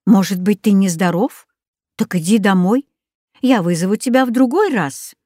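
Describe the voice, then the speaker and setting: A woman's voice: mid-range voice, moderate pace, dark tone, dry recording, lightly acted. A woman voicing a stern, sarcastic male math teacher in an audiobook story, with dry, ironic formal address.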